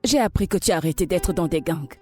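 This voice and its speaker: A woman's voice: lowish voice, quick pace, darkish tone, soft background music, natural voice. A woman dubbing an exasperated mother who lectures her grown son with lamenting reproaches, for a French film dub. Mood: reproachful. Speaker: dubbing actress.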